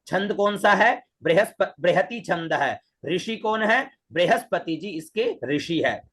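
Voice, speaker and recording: A man's voice: high-pitched, lively intonation, a bit bright, slightly rough. A man teaching Vedic mantras online. He breaks each word into syllables, repeats it several times, and chants the full verse. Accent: Hindi. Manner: spells out syllables slowly, then chants the mantra.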